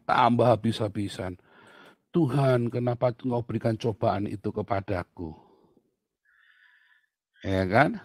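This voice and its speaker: A man's voice: medium pitch, no room sound, studio quality. A man teaching in a sermon-style Q&A. He tells stories with energy and acts out the voices of the people in them. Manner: animated storytelling, acting out voices of people and God.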